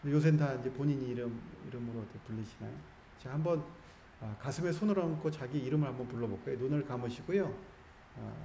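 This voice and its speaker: A Buddhist monk speaks at medium pitch, a little mellow, giving a Sunday dharma talk in a temple hall, with a bit of hiss or hum on the recording. He jokes with his audience and coaxes them through call-and-response practice, and the hall sounds roomy with faint ambience.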